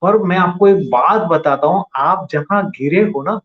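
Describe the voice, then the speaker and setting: An earnest, awestruck hermit rickshaw driver , as a man puts him on, warns of a deadly spot in a fairly high voice. The recording sounds dull and lo-fi. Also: a little slow. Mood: astonished. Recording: dull lo-fi audio.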